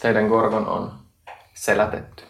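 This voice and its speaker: A man running a tabletop game as game master, narrating the scene calmly with occasional filler sounds. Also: fairly low pitch, creaky, reverberant, noisy background.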